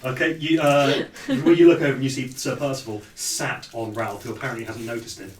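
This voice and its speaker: A man's voice: mid-range voice, steady tone, brisk, a little hiss or hum. A man running a tabletop game as game master, narrating casually and repeating words as he improvises. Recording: echoey room, slightly distant mic.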